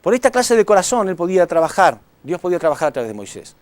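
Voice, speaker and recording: A man preaching a sermon to a congregation, impassioned, swinging between loud appeals and hushed words, often asking the audience questions. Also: high-pitched, big pitch swings, fast, clear, resonant tone, no room sound. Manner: addresses audience with rhetorical questions.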